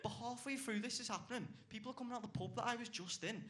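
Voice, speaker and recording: A man's voice: very high-pitched, fast, a bit bright. A young man doing a stand-up routine on a club stage, brash and swearing, chuckling at his own lines. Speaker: stand-up comedian.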